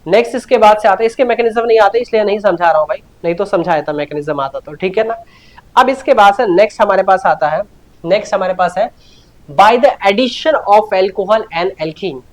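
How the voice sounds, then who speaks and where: A man's voice: high voice, fast talker. Male chemistry teacher, repetitive questioning style. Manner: repetitive, answers his own questions, keeps urging students to note down. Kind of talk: classroom lecture.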